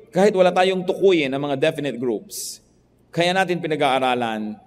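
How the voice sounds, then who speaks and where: Male pastor mid-sermon, raised voice, shifts from hushed to emphatic; long hall reverb. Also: a little high. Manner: preaching in Tagalog mixed with English, swinging from soft to emphatic.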